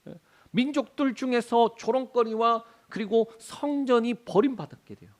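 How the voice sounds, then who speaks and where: A man's voice: very high-pitched, normal speed. A middle-aged male pastor preaching a sermon, asking questions and answering them himself. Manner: animated, asks and answers his own questions.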